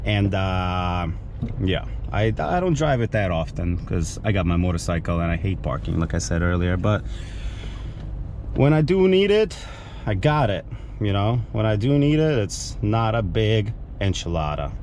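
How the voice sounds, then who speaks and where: A man's voice: on the low side, expressive, a little slow, a little mellow. A man talking casually while he drives, cursing at other drivers. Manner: cranky, swearing at other drivers. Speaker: vlogger. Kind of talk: casual driving vlog commentary. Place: inside a car on city streets. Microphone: camera mounted in the car. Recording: car and street noise behind.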